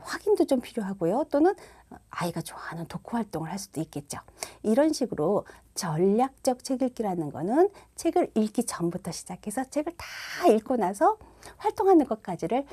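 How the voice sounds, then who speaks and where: Animated woman coaching parents on reading. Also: mid-range voice, breathy edge. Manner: warm explanatory, acts out read-aloud lines. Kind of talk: instructional talk to parents.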